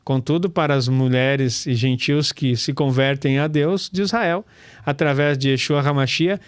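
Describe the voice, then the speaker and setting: A man's voice: on the high side, no room sound. A man, teaching scripture in a casual, chatty way, calling listeners brother and laughing often. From Brazil. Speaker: pastor and Torah teacher.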